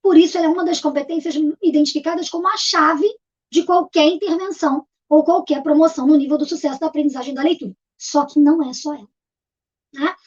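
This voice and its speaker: A woman's voice: sits high, steady tone, fast talker. A middle-aged woman, a literacy teacher giving a patient video lesson and repeating key terms as she explains step by step. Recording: dull lo-fi recording.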